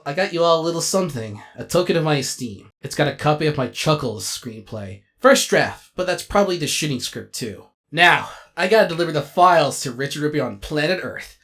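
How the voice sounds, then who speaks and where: In a comedic dub of an animated comic, a man takes on the role of a vain robot actor and director, all melodrama, excitement, and grandeur. He speaks briskly in a slightly high voice with few pauses, sounding eager.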